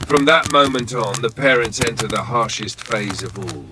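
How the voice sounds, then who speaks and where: A man reading scripted nature documentary narration in a solemn, dramatic manner, with short measured phrases and weighted pauses. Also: medium pitch, background noise. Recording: loud nature ambience of birds and insects.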